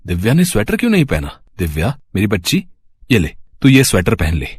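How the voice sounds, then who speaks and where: Loving, lively-voiced father for a cartoon story, played by a man, fairly low. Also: a little fast, slightly rough, no room sound, heavily acted. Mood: tender. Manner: warm toward his child, emotional. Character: loving village father, remorseful and angry. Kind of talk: animated storybook voice acting.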